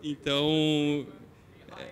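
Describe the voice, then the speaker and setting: A man's voice: a little high, monotone, drawn-out words. Stammering male panelist at a conference. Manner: hesitant, stammering restarts. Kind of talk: panel discussion comment. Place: conference hall.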